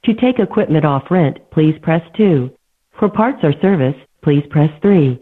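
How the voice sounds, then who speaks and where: A man's recorded phone menu message, reading formal automated prompts in an even announcer manner. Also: on the high side, measured pace, no room sound. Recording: tinny phone line, dry.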